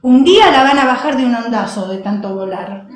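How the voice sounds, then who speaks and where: A woman preacher giving a sermon, animated and laughing, acting out other people's voices. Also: on the high side, fairly quick, reverberant, soft background music.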